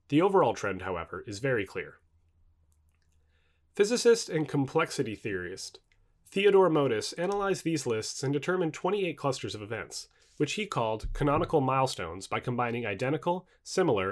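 With measured, formal diction, a man in a mid-range voice narrates a nonfiction audiobook from a script.

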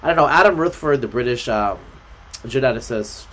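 A man's voice: mid-range voice, fairly quick. A man as a podcast guest, talking in a loose, rambling way with lots of fillers. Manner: rambling, filler-heavy, lively. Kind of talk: casual conversation.

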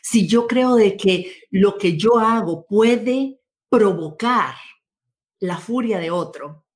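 A female interviewee with a mid-range, slightly dark voice takes her time speaking. The exchange is conversational, and she is thoughtful and earnest, often reworking a sentence before finishing it.

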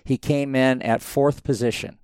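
A man in his fifties tells stories as a podcast guest, his voice smooth and resonant on a dry, close recording. He rambles with plenty of restarts but keeps the telling lively. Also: mid-range voice, moderate pace, no echo. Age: 50s. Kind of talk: casual storytelling interview.

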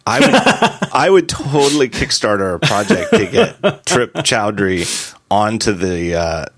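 A man hosting a casual tech podcast, animated and quick to laugh as he spins out hypotheticals. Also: fairly low pitch, no echo. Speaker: podcast host.

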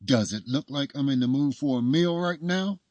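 A man's voice: sits low, wildly swooping pitch, normal speed, creaky, no room sound, dull audio, full character voice. A man voicing a curt, exasperated young wife in labor. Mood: irritated.

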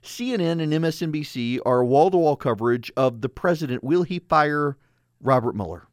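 A man's voice: a little high, animated, moderate pace, dry recording, studio quality. A man hosting a radio talk show, speaking conversationally and emphatically, with slightly hissing s sounds. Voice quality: slightly hissing, sibilant s from dental braces. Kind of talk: conversational monologue and sponsor read.

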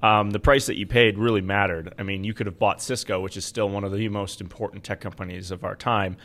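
A man's voice: lowish voice, fairly even intonation, fairly quick, a bit bright. A man co-hosting a podcast, talking casually about finance as an investment adviser.

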